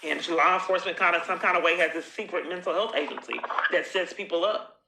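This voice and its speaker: A woman's low, steady voice moves quickly and sounds pushed and bright, with slight hiss or hum present. Recording her own call in a reverberant room, she accuses and insists, repeating herself through long monologues.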